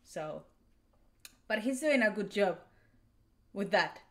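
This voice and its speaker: A woman's voice: mid-range voice, lively intonation, slow. A young woman from Spain talks in English with a Spanish accent, in the easy, chatty way of a reaction video host. She explains things as she goes, restarts her sentences often and lets small laughs slip in. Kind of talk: casual commentary.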